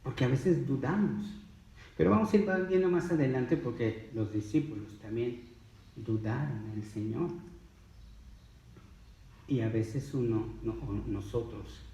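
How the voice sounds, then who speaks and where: A man's voice: medium pitch, measured pace, pauses often, mellow, roomy sound, recorded from a distance, low-quality recording. A man preaching a sermon, emphatic and full of rhetorical questions.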